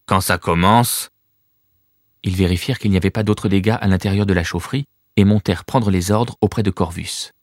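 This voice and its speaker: A male narrator with a fairly low voice reads a children's novel with measured, vivid storytelling. The sound is close and dry, with no room around it. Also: steady tone, mellow, no room sound. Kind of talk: scripted audiobook narration.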